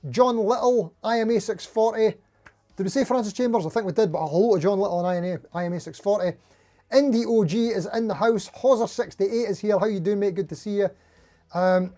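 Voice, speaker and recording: A man with a high, warm voice hosts a casual live stream and plays guitar. He rambles to his viewers in a jittery, over-caffeinated way, often poking fun at himself.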